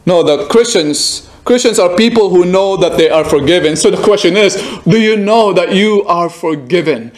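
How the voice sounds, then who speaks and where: A man's voice: high-pitched, moderate pace, few pauses. A male pastor preaching emphatically, repeating phrases and asking the listener direct questions. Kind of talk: sermon. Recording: echoey room.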